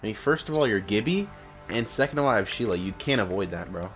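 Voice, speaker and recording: Man, casual gaming banter, swearing, lively pitch, music behind. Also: quick pace. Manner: joking, swears, teasing banter. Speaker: gamer streamer.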